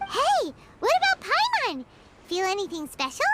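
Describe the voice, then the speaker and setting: Squeaky tiny fairy girl. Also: huge pitch swings, moderate pace, heavy background noise, exaggerated voice. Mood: perky, confident. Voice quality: squeaky, childlike. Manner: speaks of self in third person. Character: tiny childlike floating fairy guide, bubbly and proud. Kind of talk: video game character acting. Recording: music behind the voice.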